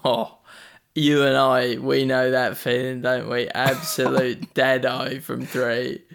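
A man with a gravelly, creaky voice co-hosts a relaxed sports podcast. He banters easily, trades jokes and swears casually. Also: medium pitch, takes it slowly. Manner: laid-back, joking banter, swears. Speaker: podcast co-host.

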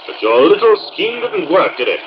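The Shadow, taunting avenger, dramatic swings. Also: male voice, sits high, very animated, normal speed. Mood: accusing. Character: mysterious, taunting invisible male avenger, accusing and commanding. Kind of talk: old radio drama acting. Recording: muffled, noisy old radio recording.

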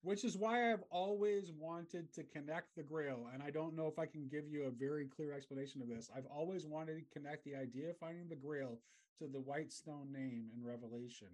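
A man's voice: fairly high pitch, a little fast, darkish tone. A man in a casual conversation, talking in a reflective way and eager to connect ideas.

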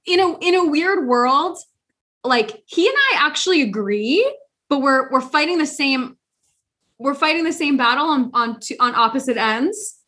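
A young woman co-hosts a casual podcast chat, telling a long, rambling story in an animated way. She speaks at a normal speed in a high voice, with many restarts and fillers.

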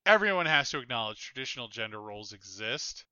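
A man co-hosting a podcast, talking in animated casual chat with lots of filler words. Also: mid-range voice, fast talker, clean tone, no room sound, dull audio. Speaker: podcast co-host.

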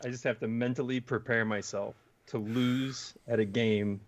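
A man's voice: medium pitch, fairly even intonation, moderate pace. A man playing a movie trivia game, hesitant and thinking aloud in casual chat. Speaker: game player.

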